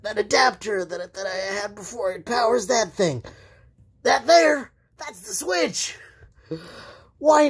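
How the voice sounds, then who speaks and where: A woman with laryngitis, her voice lost to a hoarse, breathy, cracking whisper, grumbling and swearing sarcastically through a casual phone vlog. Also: a little high. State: hoarse with laryngitis, occasional coughing. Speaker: gamer showing a home setup. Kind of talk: casual handheld vlog commentary. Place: small room at home with wooden floor. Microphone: handheld phone.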